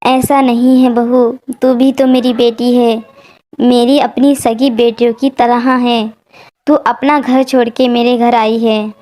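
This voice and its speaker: A woman puts on a kind mother-in-law in a storybook tale who speaks fondly and defends her family firmly. The voice is high and bright. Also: little pitch movement, slow pace. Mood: affectionate.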